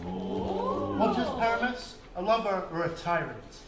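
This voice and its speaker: A man playing a boastful, hammy male weaver in a stage play, booming and grandiose. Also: huge pitch swings, a little slow, full character voice. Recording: echoey hall, faint noise.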